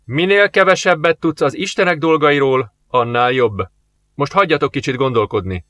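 A man's voice: on the high side, pushed and bright, dry recording. A man reading an audiobook, voicing a harried male police captain who speaks brusquely and with exasperation. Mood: curt.

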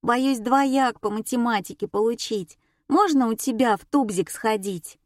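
A woman reading an audiobook, voicing a nosy younger schoolgirl who whines in a drawn-out way. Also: on the high side, no echo, studio quality, voice pushed up, close to an everyday voice. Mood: whiny. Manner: whining, drawn-out.

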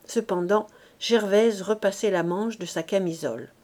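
A woman with a French accent reading a classic novel aloud as narration, raising her voice for the characters' shouts. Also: normal speed. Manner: acts out the characters' shouts with raised pitch and volume. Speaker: audiobook reader.

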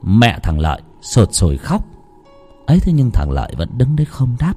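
A man narrating a ghost story with expressive delivery. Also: medium pitch, moderate pace, husky, faint music behind.

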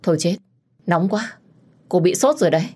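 A woman's voice: lowish voice, expressive, fairly quick, a little mellow, slightly rough. A woman voicing a caring, protective young man who asks urgent, tender questions in a story reading. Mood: concerned.

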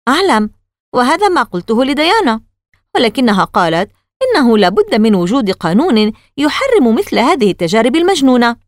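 An earnest young girl from a storybook, voiced by a woman narrator, tense and trying to keep the fear out of her voice. Her pitch sits well above the narration, lively and rising. The sound is dry and close. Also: brisk, no room sound. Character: worried young girl, the older sister.

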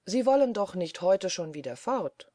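A woman's voice: mid-range voice, very animated, moderate pace, mellow, dry recording, clean studio sound. A woman doing a hearty, fussing old official. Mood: jovial. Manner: jovial, fussing host. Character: hearty portly older male government official.

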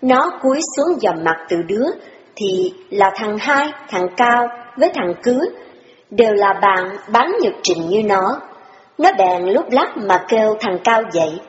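A woman giving steady, measured scripted narration of an audiobook. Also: mid-range voice. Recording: dull, roomy reverberant audio with faint music.

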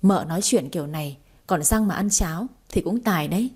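A woman reading aloud and voicing a hot-tempered young master who scolds his wife in a gruff, exasperated way. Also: fairly low pitch, animated, a little fast, a little mellow.

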